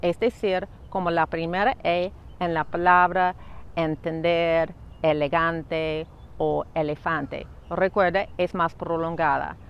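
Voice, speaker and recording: A woman narrating a pronunciation lesson in a clear, scripted, instructional style. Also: lowish voice, steady tone, takes it slowly, dull audio.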